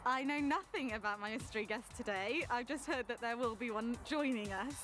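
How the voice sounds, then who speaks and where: A woman's voice: fairly high pitch, brisk, fairly bright tone, soft background music. A young British woman chatting informally to camera with a giggly manner. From Warminster, England. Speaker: bride-to-be. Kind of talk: casual interview chat.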